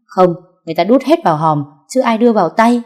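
A woman's voice: medium pitch, animated, quick pace, darkish tone, voice pushed up, close to an everyday voice. A woman voicing a weary young husband who protests mildly to his mother in an audio story.

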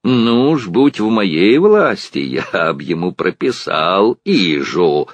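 Guy reading doing a gruff old organ grinder, low and raspy, dignified grumble, dry sound. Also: very animated, slow pace, no room sound, lo-fi sound, full character voice. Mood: wry.

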